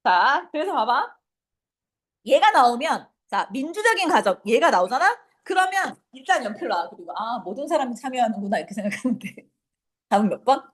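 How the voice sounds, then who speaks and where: A middle-aged woman with a high voice that leaps up and down as she lectures high school exam students. She talks briskly, scolds a little and drills her class with rhetorical questions. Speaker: high school English teacher.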